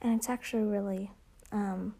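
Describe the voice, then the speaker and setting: A woman's voice: mid-range voice, fairly even intonation, normal speed, dark tone. A teenage girl co-hosting a casual podcast, rambling and giggly with lots of fillers and restarts, recorded on a phone. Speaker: podcast co-host. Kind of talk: casual chat.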